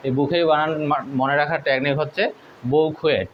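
A man teaching English spelling tricks, spelling words out letter by letter in a slow, deliberate way. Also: a little high, steady tone, muffled recording, slight background noise. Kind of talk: spelling lesson.

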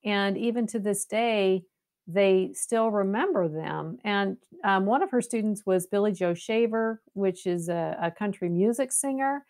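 A woman's voice: mid-range voice, a little slow, darkish tone. A woman from the US West Coast, a paranormal investigator, talking casually as a podcast guest, enthusiastic and often repeating words as she thinks. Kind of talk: casual interview talk.

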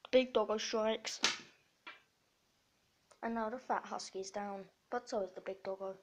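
A woman's voice: medium pitch, steady tone, moderate pace, noisy background. A young woman narrating her dog at home as a playful parody of a nature documentary, with mock-serious commentary. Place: at home indoors.

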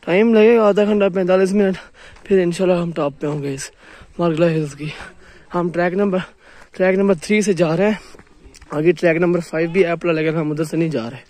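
Narrating a casual hiking vlog, a young man with a Pakistani Urdu accent chats to the camera on his handheld phone while walking and climbing a wooded hill trail outdoors. He has a high-pitched voice with a darkish tone.

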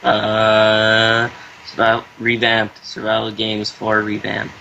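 Bright young man calling game directions. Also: lowish voice, monotone, slow, vocal fry, highs cut off, slight background noise. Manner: joking, bossy with directions. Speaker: co-player. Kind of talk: casual let's-play chat.

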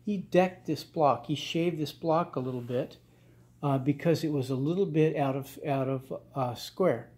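Halting man in a garage workshop. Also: on the high side, a little mellow. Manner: halting, many fillers and restarts. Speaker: channel host restoring cars. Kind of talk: casual workshop how-to talk. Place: home garage workshop, indoors.

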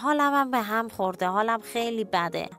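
A woman's voice: fairly high pitch, expressive, fairly bright tone. A woman voicing a clever, boastful male donkey in a children's cartoon story, coaxing and scheming.

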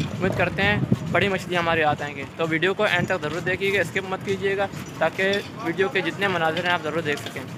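Young male vlogger, phone at arm's length, flat delivery, heavy wind and surf noise on the mic. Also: high-pitched. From Pakistan. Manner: upbeat, repeatedly addresses viewers. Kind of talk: selfie vlog narration. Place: sandy beach outdoors, windy.

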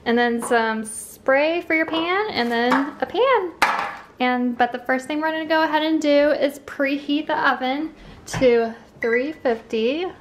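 Chatty young woman with higher voice. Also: measured pace, background noise. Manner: chatty, friendly instructions with fillers. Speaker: lifestyle vlogger. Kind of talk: casual cooking tutorial. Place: home kitchen, indoors.

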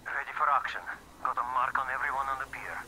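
A sharp, cocky radio soldier. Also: male voice, medium pitch, fast talker, a little hiss or hum, rough recording. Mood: ready, alert. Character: cocky, eager male soldier reporting over radio. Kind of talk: video game voice acting.

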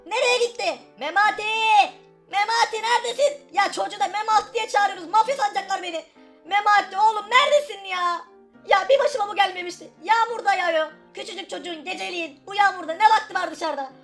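A woman's voice: very high voice, fast, a bit bright, soft background music. A woman voicing an exasperated young male babysitter who sighs, complains and panics as he tries to keep a wild child in line. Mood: panicked. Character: frazzled put-upon young male babysitter. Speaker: roleplay voice-over narrator.

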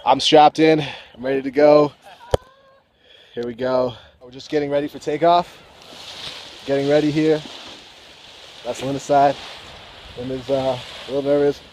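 A young man filming a travel vlog outdoors in the mountains on a selfie stick camera, excitable and whooping as he rides up and paraglides. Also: medium pitch, moderate pace, pauses often, slight background noise. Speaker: travel vlogger. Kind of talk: casual vlog narration. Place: outdoors on a mountain, cable car then paragliding.

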